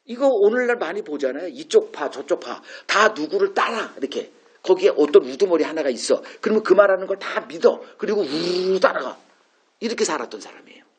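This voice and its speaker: A man's voice: high voice, animated, fairly quick, breathy edge. A male pastor preaching an informal Bible exposition sermon, musing aloud and posing rhetorical questions to the congregation.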